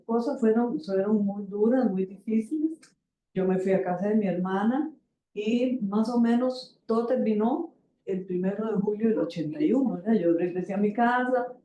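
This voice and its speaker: Brief: older woman, mellow voice, halting testimony with fillers, echoey auditorium. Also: medium pitch, lo-fi sound. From Costa Rica. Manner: halting, with many fillers and repeated words. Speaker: panel guest. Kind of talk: personal testimony at a university forum. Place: university auditorium.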